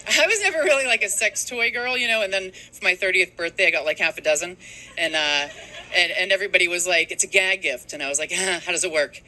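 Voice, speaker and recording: A woman comic in her thirties from Boston doing a stand-up set, telling stories in a deadpan way and dropping her voice low to mimic her mother. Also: quick pace, slight background noise, rough recording. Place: comedy stage before a live audience.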